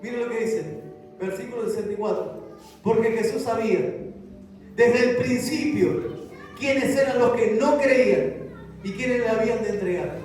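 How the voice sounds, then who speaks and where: High-voiced man preaching in an echoing church. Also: moderate pace, pauses often, darkish tone. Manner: fervent preaching, voicing scripture quotes dramatically. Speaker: pastor. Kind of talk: sermon. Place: church hall. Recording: echoey hall, voice from a distance, music behind. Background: music.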